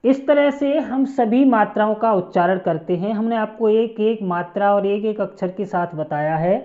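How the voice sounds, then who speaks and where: A woman teaching the Hindi alphabet, reciting syllables one by one in a measured sing-song drill. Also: medium pitch. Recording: phone-like lo-fi sound.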